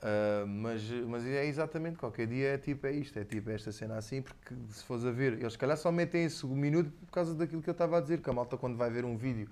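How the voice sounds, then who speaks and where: A man's voice: medium pitch, fast talker, few pauses, a little mellow. A man with a European Portuguese accent, a guest musician chatting casually in a slangy, teasing way. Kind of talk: casual joking chat.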